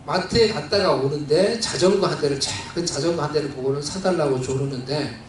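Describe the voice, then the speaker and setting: A man's voice: fairly high pitch, a little fast, a little hiss or hum. A male pastor preaching a sermon, telling a personal story in a heartfelt, conversational way with many fillers. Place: church sanctuary. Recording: very echoey church hall, mic at a distance.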